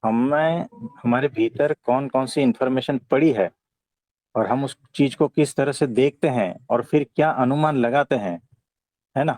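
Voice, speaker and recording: A man with an Indian accent giving a conversational spiritual discourse, teaching in a calm, gentle way and often checking for agreement. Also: mid-range voice, measured pace, no room sound. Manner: didactic, often seeks agreement with short tag questions. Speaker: spiritual teacher answering devotees' questions.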